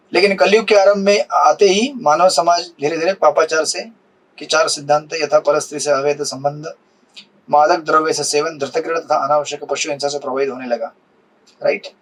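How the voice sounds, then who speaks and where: Guy with a high voice preaching a scripture class, keeps quizzing the crowd, drops english words in. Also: rough recording. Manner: asks the audience questions, mixes English words. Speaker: spiritual teacher. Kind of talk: Hindi sermon on scripture.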